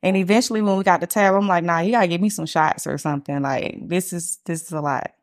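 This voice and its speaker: A woman hosts a casual podcast chat, talking loosely and fast with plenty of fillers, especially "like," and she laughs easily. Her voice is fairly low in pitch with a steady tone.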